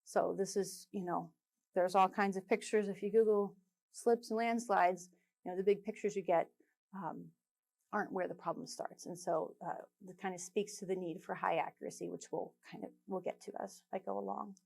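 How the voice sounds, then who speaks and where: A woman gives a technical conference presentation in an easygoing tone. She leans on small fillers between phrases and slips in the odd playful joke. Her voice sits at an ordinary middle pitch for a woman. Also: normal speed, creaky. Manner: filler-heavy, relaxed, with light jokes.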